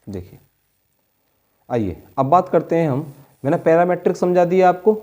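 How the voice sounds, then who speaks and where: A man's voice: fairly high pitch, mellow. A man teaching a board-exam maths lesson, explaining each step patiently and checking in with his students often. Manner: addresses students as children.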